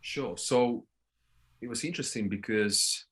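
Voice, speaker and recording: A Polish man in his thirties tells stories as a podcast guest, speaking at a measured pace in a medium-pitched, fairly bright voice. His casual interview manner is blunt and sweary, and he keeps tagging phrases with "right?"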